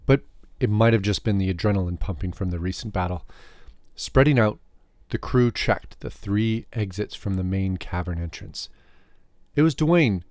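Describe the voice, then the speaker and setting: A man with a lowish voice narrates a fantasy adventure in a measured, expressive way. The sound is close and dry, with no room around it. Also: no echo. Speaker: author and narrator. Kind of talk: scripted storybook narration.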